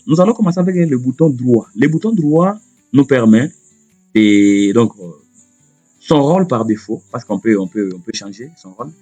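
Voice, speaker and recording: A man giving a spoken computer lesson, explaining slowly and step by step, often repeating himself and pausing on fillers. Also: mid-range voice, darkish tone, husky. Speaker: computer teacher.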